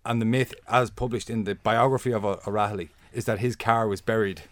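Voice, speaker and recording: A man with a fairly low voice, recorded dry and close. He tells history in a conversational, anecdotal style as a guest. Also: steady tone, fairly quick, dry recording. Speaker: interview guest telling history.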